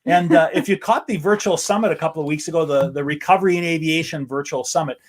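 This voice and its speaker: A man's voice: on the high side, fast. An American man hosting a casual, enthusiastic live-stream chat outdoors in a backyard. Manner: upbeat, enthusiastic. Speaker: host.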